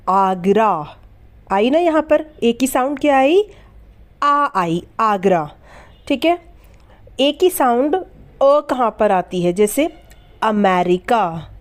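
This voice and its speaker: A woman gives a slow, unhurried phonics lesson in a somewhat high voice. She spells out each example word and then answers her own questions about its sounds. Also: a little mellow. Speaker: English teacher.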